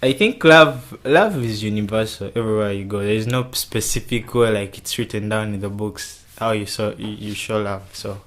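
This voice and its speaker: As an interview guest, a young man from Kenya responds in a relaxed, hesitant way, frequently repeating himself at the start of answers. He has a lowish voice with a fairly bright tone.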